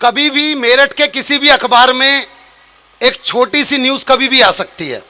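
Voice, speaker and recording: A man who is a comic poet telling a funny story on a live stage, lively and shouting out the punchlines. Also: extremely high pitch, a little slow. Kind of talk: stand-up poetry performance.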